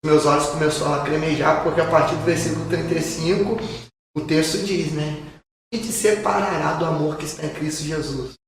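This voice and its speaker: The Brazilian Portuguese-accented pastor continues his podcast testimony, his voice on the high side, steady in tone and slightly fast. He narrates earnestly, leaning on repeated phrases for emphasis, captured by a distant mic in a very echoey room with faint noise.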